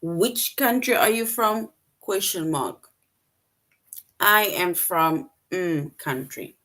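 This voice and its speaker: A woman's voice: on the low side, lively intonation, slow, a bit bright. A woman teaching an online English lesson to young children, patient and repetitive, often checking in with "right?".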